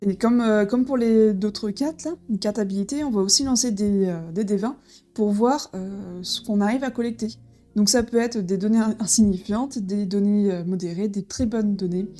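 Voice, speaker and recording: A woman's voice: mid-range voice, moderate pace, dark tone, faint music behind. A woman casually presenting a board game as she unboxes it, with frequent fillers and restarts. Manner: hesitant, many fillers and restarts.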